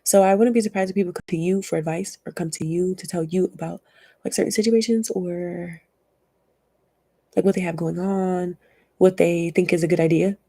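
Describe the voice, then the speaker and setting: A young woman talks her way through a casual tarot reading in a rambling, chatty manner, often laughing along. Her voice sits low and dark, with a gravelly, husky edge. The sound is dry and close, with no room in it. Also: fairly even intonation, moderate pace, dry recording. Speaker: tarot reader.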